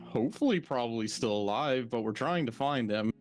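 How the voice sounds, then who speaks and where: Man, tabletop player, chatty, explains things, casual swearing, middle pitch. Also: animated, brisk, faint music behind. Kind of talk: casual tabletop role-play.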